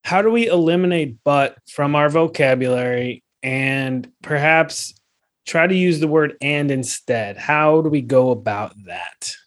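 A man hosting a podcast, asking measured, polite questions and closing the show. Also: fairly high pitch. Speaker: podcast host.

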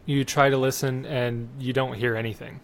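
A man's voice: mid-range voice, flat delivery, normal speed, a little hiss or hum. A man narrating a tabletop game as game master, describing the scene to his players.

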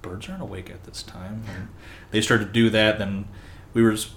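A man in casual chat, telling relaxed, rambling anecdotes with fillers like "uh". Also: lowish voice, moderate pace, roomy sound.

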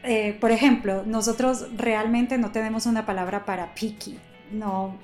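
A woman's voice: a little high, steady tone, moderate pace, music in the background. A woman in a casual conversation, reflectively explaining her ideas at length and asking questions. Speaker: conversation partner.

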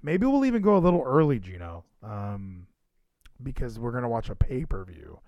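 A man's voice: medium pitch, very animated, normal speed, dry recording, highs cut off. A man hosting a podcast livestream in casual chat, rambling and emphatic, repeating phrases for effect. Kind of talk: casual wrestling show chat.

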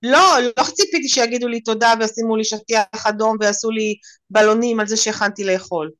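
A woman in a group, earnestly sharing a personal story, halting and full of fillers. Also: a little high, fairly bright tone. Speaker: group participant.

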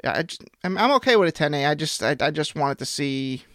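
A man's voice: on the high side, expressive, quick pace, fairly bright tone, no room sound, clean studio sound. A man co-hosting a sports podcast in casual chat, easygoing with hesitant restarts. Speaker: podcast co-host.

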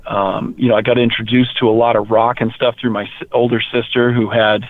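A man from rural Maine, a heavy metal musician, talking casually in an interview, animated and quick to repeat words. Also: medium pitch. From rural Maine, USA. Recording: tinny phone-like line.

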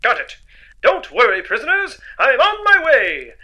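A man's voice: very high voice, wildly swooping pitch, unhurried, pushed and bright, lo-fi sound, heavily acted. A man voicing a cheerful, earnest male space hero in a retro radio serial parody. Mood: determined.

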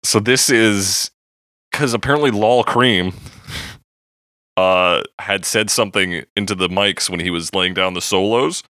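A man's voice: lowish voice, measured pace, bright, forceful tone, no room sound, studio quality. A man co-hosting a podcast, chatting casually and animatedly about a song, reading lyrics aloud and swearing now and then. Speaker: podcast co-host. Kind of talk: casual song-breakdown chat.

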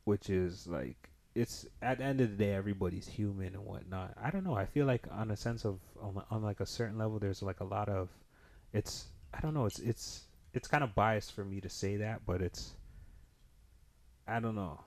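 Low-voiced young man rambling in street slang. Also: normal speed, creaky. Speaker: podcast host. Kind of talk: casual chat.

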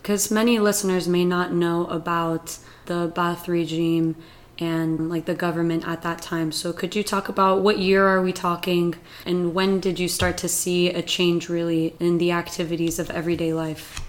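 A woman's voice: lowish voice, little pitch movement, moderate pace. Upbeat podcast host woman. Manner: upbeat promotional read, then gently probing questions. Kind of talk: podcast intro and interview.

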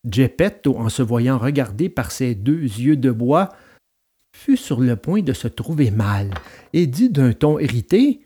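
Husky, lively male storyteller. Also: mid-range voice, measured pace. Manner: expressive, dramatic read-aloud. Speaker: narrator. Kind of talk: storybook narration.

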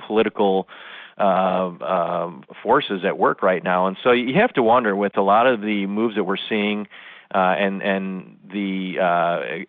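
A man with a very low voice talks through the markets over a tinny phone line. He is analytical and peppers his explanations with frequent filler sounds. The call sounds dry and close, with none of the room coming through. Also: dry recording. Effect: heard over the phone. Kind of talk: interview commentary.

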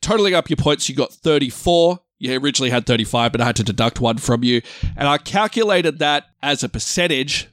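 A man's voice: mid-range voice, expressive, a little fast, fairly bright tone, dry recording. Man with dry sarcasm on a podcast. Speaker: podcast co-host. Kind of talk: casual movie review chat.

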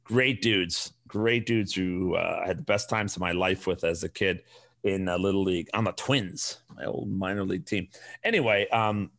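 A middle-aged man from the Chicago area hosts a casual solo podcast, ranting bluntly and profanely as he rambles, with a Chicago accent. His voice is low and a bit bright, at a moderate pace.

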